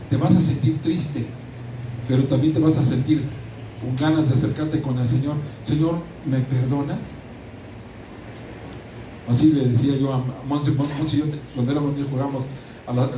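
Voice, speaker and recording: A man's voice: medium pitch, noisy background. A middle-aged man with a Mexican accent preaching a sermon, emphatic and prone to repeating words and restarting. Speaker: pastor. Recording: roomy echo, distant mic, audible room ambience.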